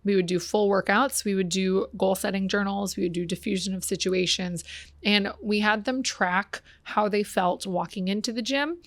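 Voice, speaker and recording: Brief: talkative woman fitness coach, mid-pitched, energetic and rambling, close dry podcast sound. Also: dry recording. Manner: energetic, wordy, fast storytelling with lots of fillers. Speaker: fitness gym owner, guest. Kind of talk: casual conversational interview.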